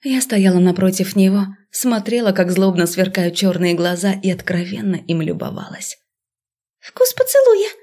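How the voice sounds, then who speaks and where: A woman reading a first-person fantasy novel aloud, speaking expressively and dropping to a hush in intimate passages. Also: mid-range voice, steady tone, moderate pace, hardly any pauses. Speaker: audiobook narrator.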